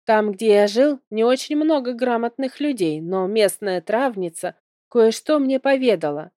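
A woman's voice: a little high, lively intonation, measured pace, warm tone, no echo, clean studio sound. A woman reading aloud, voicing an eager, cheerful young man companion in an audiobook. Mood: earnest.

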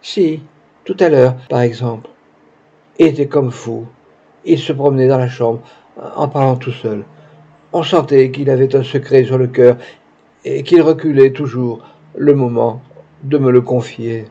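A man's voice: medium pitch, steady tone, measured pace, long pauses, dark tone, breathy edge. A man reading the lines of a naive, grieving young woman in a tearful, faltering manner, in a dull lo-fi recording. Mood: anxious.

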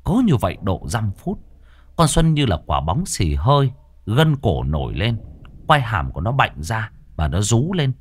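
A man's voice: lowish voice, sing-song, measured pace, husky, no echo. A man telling a ghost story in a dramatic, suspenseful way.

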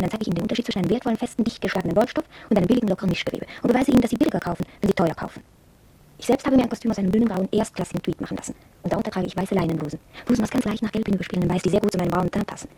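This radio drama monologue features an actress as a proud, strong-willed young shop apprentice who confides in a matter-of-fact way. Her husky mid-range voice has a warm tone, recorded without echo but in low quality.

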